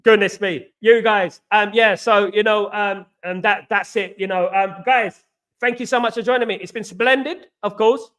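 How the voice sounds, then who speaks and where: Steady, high-sitting and somewhat bright, this man's voice is clear and resonant at a normal speed. He's an English livestream host who chats loosely, greets viewers by name, reads their comments and keeps saying "absolutely" and "big up."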